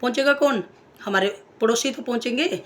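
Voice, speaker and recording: A woman's voice: fairly high pitch, brisk, fairly bright tone. A woman talking casually to camera as a vlogger, emphatic and repetitive, asking rhetorical questions and telling personal stories. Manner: emphatic, repeats phrases, asks rhetorical questions; tells personal anecdotes. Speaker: vlogger sharing opinions. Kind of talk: casual spoken monologue.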